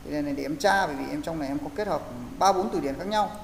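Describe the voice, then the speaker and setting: A man's voice: a little high, very fast, vocal fry. A man teaching English pronunciation in an online class, explaining and coaching students step by step. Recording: echoey, roomy hall sound with faint hiss.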